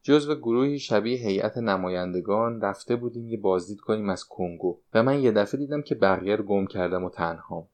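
A man's voice: mid-range voice, darkish tone, close to an everyday voice. A man reading the part of a fretful, nostalgic woman of sixty-nine, a former stage dancer, in an audiobook.

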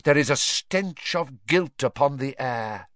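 A menacing storybook dark wizard lord, put on by a male reader. He speaks very slowly and theatrically, with big swoops in pitch and cold, deliberate disdain. The sound is close and dry. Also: lively intonation, no room sound. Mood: accusing, cold.

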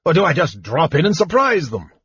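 A man's voice: fairly high pitch, sing-song, brisk, fairly bright tone, husky, dry recording, muffled recording, pitched above the performer's own voice, full character voice. A man voicing a cranky, befuddled old male wizard who sounds flustered and irritable.

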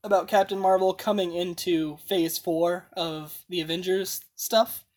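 A woman's voice: lowish voice, fairly even intonation, a little slow, a little mellow. A young American woman from South Florida hosts a casual podcast chat, laid-back and laughing often. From South Florida, USA. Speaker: podcast host.

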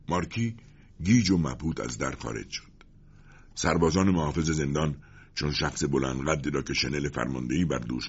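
A man narrating a classic novel in an expressive, dramatic storybook reading. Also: extremely low pitch, vocal fry, slightly rough, dull audio.

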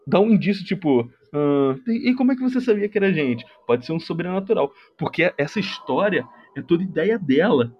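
Heard through a muffled recording, a Brazilian Portuguese-accented man with a high-pitched, breathy-edged voice retells a film on his livestream. His comedic recap is rambling and lively, packed with slang and sarcastic jabs at the characters.

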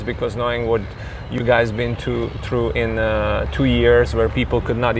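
Man, croatian accent, rambling, thoughtful, mid pitch, faint outdoor noise. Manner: thoughtful, rambling, many fillers and restarts. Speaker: tennis coach. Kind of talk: casual interview.

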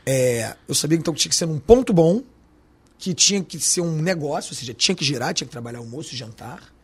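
A man's voice: fairly high pitch, expressive, fast talker, husky. A man with a Carioca accent, a restaurant owner talking in an interview, slangy and emphatic. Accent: Carioca Portuguese. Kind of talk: podcast interview.

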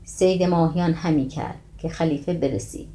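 A woman reading a classical tale aloud in a steady, old-fashioned literary manner. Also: low-pitched. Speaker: storyteller.

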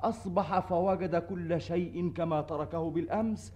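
A man playing a respectful royal courier who reports formally and with measured care in a classical Arabic drama. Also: fairly high pitch, a little mellow, lightly acted. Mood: measured, wondering. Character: deferential royal courier reporting to his king. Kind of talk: theatrical classical Arabic radio drama acting.

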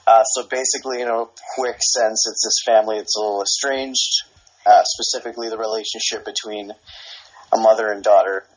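A man's voice: fairly low pitch, little pitch movement, a little fast. A man chatting casually about movies with his cousins, laid-back and swearing freely, full of fillers. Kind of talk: casual chat. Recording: muffled speakerphone call.

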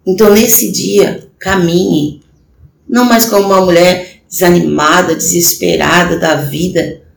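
Woman preacher, earnest and exhorting, gravelly edge, recorded in an echoey room. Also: on the low side, steady tone, unhurried, slight background noise. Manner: earnest, exhorting, addresses the listener directly. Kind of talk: sermon on a live stream. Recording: echoey room with faint ambience.

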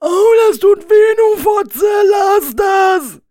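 A woman's voice: a little high, normal speed, darkish tone, no room sound, clean studio sound, lightly acted. A woman voicing an arrogant, whiny, pudgy male YouTuber in a story reading, protesting indignantly. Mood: shrill outrage.

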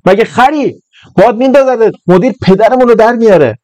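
A man reading a story aloud, voicing a scrawny, frightened schoolboy who whines in slangy talk with his voice pushed high. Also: animated, warm tone, no room sound, close to an everyday voice. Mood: whiny, anxious. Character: scrawny scared schoolboy, cheeky, whiny.

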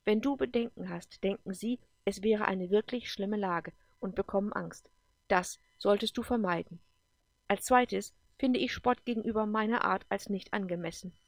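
A stern, all-knowing male alien advisor who lectures calmly and firmly , read by a woman. His delivery is steady and measured. The audiobook sound is dry and close. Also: mid-range voice, dry recording, natural voice. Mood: lecturing. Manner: firm, lecturing.

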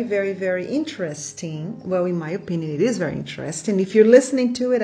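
A Brazilian woman with a Brazilian Portuguese accent hosts a faith podcast, delivering a casual monologue in an enthusiastic, chatty way and laughing often. Her voice is fairly low and a little mellow.

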